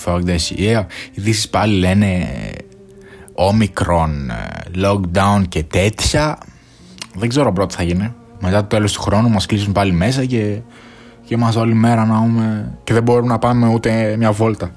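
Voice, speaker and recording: A man's voice: lowish voice, soft background music. A young man hosting his own podcast, talking casually and swearing freely, with English phrases mixed in. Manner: slangy and animated, mixing in English phrases and swearing. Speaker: podcast host. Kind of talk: casual solo chat.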